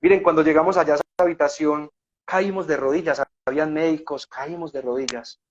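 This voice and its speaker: A fervent man with a Colombian accent tells his story in a slightly high voice, earnest and emotional, often turning to his listeners for agreement. The recording is a little dull and lo-fi. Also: steady tone, quick pace, slight background noise. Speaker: guest sharing a faith testimony. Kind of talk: conversational storytelling.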